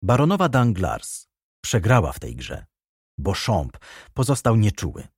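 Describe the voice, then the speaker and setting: Husky, low-voiced male narrator. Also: big pitch swings, a little slow, a little mellow, no echo, studio quality. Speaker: audiobook narrator. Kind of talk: scripted narration of a classic novel.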